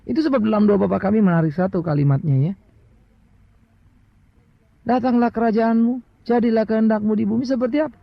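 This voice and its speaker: A man's voice: high-pitched, brisk, vocal fry, long pauses, dry recording. A middle-aged man with an Indonesian accent preaching a sermon as a pastor, telling stories and asking rhetorical questions, with English words mixed in. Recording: dry, dull lo-fi sound.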